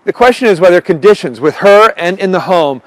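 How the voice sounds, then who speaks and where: A man's voice: high voice, expressive, fairly quick, no echo, rough recording. A man reporting from the field for TV news, direct and matter-of-fact.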